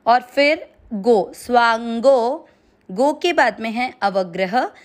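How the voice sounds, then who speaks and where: A woman guides listeners through a Sanskrit verse one syllable at a time, her voice sitting a little high. She speaks very slowly and patiently, drawing out long vowels as she recites. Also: expressive. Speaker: Sanskrit pronunciation teacher. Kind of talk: slow step-by-step recitation lesson.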